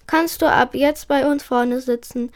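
A woman's voice: sits high, steady tone, measured pace. A reader voicing a cheerful, confident schoolgirl from a children's book. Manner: cheery, bright.

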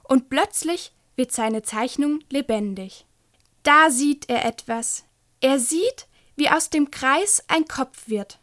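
Slow, high-voiced woman reading to children. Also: animated. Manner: gentle, addressing children. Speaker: storyteller. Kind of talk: reading a children's book aloud.

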